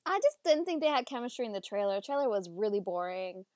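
A woman's voice: mid-range voice, sing-song, fast talker, darkish tone, dry recording. A woman co-hosting a casual chat, making dry, teasing quips.

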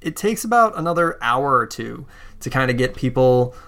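A man's voice: mid-range voice, very animated, normal speed, a bit bright. A man hosting a podcast as game master, narrating in a casual, conversational way.

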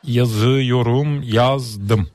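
A man's voice: mid-range voice, drawn-out words, a little mellow, no echo. A man chatting as co-host in a playful, easygoing way. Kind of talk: casual chat.

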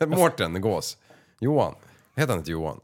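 A man's voice: on the low side, big pitch swings. Casual, swearing Swedish podcast man. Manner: reads quiz words, swears often, stumbles over words. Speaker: podcast host. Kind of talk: casual chat, quiz game.

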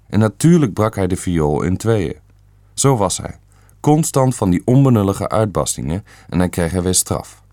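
A man's voice: low-pitched, big pitch swings, normal speed, warm tone, no echo, clean studio sound. A man reading the part of a stern, self-assured elderly great-uncle who speaks bluntly and matter-of-factly.

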